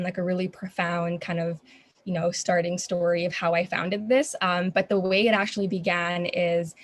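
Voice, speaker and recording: A young adult woman from Qatar, a student founder answering interview questions in an earnest, chatty way with frequent ums. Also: lowish voice. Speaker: guest, student founder of an organization.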